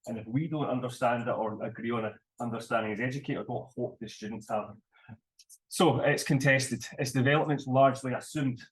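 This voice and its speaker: A man presenting his research at a conference, deliberate and self-correcting as he speaks. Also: medium pitch, low-quality recording. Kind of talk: academic conference talk. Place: conference room.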